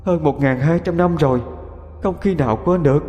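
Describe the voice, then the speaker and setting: A man's voice: fairly high pitch, brisk, darkish tone, long reverb tail, soft background music, voice pushed up, lightly acted. A man voicing an ancient vengeful male ghost who stammers as he begs for mercy. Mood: pleading. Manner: stammering, pleading.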